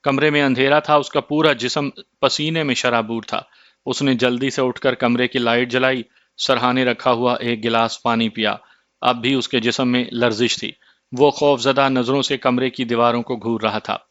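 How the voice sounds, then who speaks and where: A man reading a horror story aloud in a steady, measured narration. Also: mid-range voice, no room sound, dull audio.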